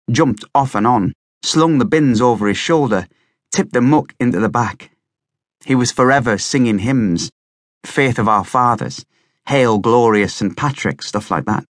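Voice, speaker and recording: A man narrating an audiobook in a plain, steady storytelling way. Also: mid-range voice, dry recording, studio quality.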